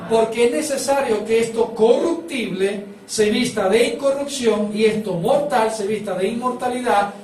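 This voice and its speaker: A man's voice: sits high, roomy sound, far from the mic, slight background noise, poor audio. A man preaching a sermon as pastor, prompting the congregation to repeat phrases back to him.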